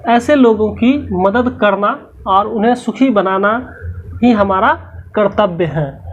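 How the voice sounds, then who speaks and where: A woman's voice: mid-range voice, muffled recording. A woman teacher going through a textbook lesson's questions, explaining each answer step by step and repeating the key words.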